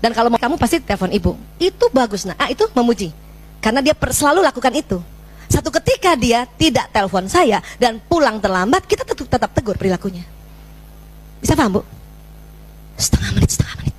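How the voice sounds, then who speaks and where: Seorang perempuan paruh baya memberi ceramah parenting Islami kepada para ibu, bercerita dan memerankan percakapan dengan anaknya secara hidup. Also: female voice, on the high side, quick pace, husky. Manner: animated, acts out scenes with her child, addresses audience as Bu. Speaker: parenting speaker. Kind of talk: lively Islamic parenting talk to mothers.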